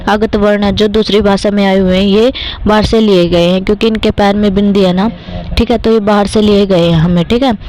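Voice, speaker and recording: A woman's voice: medium pitch, fairly even intonation, a little fast, a little mellow, slight background noise, low-quality recording. A young woman from India with a Haryanvi-tinged Hindi accent, teaching an exam-prep grammar lesson step by step and often checking in with "theek hai". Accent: Haryanvi-influenced Hindi. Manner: occasionally clears throat.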